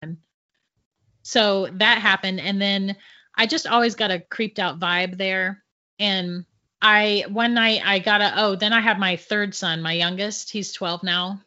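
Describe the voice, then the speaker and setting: A woman's voice: mid-range voice, steady tone, measured pace, bright, forceful tone. A middle-aged woman, a guest psychic, telling her own stories casually and laughing often. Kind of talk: casual storytelling. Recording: dull lo-fi sound.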